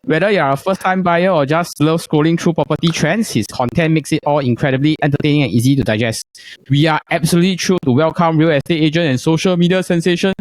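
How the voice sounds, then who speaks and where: A man's voice: on the high side, fast, low-quality recording. A man with a Singaporean accent, hosting a casual interview podcast.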